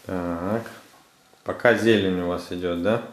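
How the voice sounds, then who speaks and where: Off screen, a father filming his young children's craft activity chats casually while guiding them, encouraging and instructing and often checking in with short questions. His deep voice is steady and a little slow. The camera mic picks up roomy echo from the small furnished room at home.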